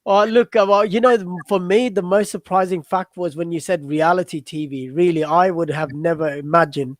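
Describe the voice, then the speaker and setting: Guy interviewer with a pretty high voice, casual questions, dry close sound. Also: fairly even intonation, moderate pace, dry recording. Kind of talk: casual chat, asking questions.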